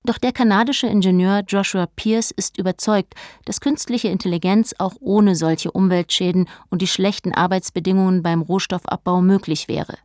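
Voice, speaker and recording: A woman reading a scripted documentary narration in a measured, informative way. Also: mid-range voice, fairly even intonation, a little mellow, no echo, studio quality.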